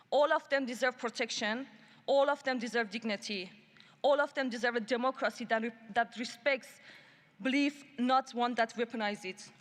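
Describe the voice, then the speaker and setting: On stage at a big conference hall, an Iranian woman delivers a prepared address to a human rights summit. Her voice is a bit high and bright, each point set out with measured emphasis, and a long reverb follows her words.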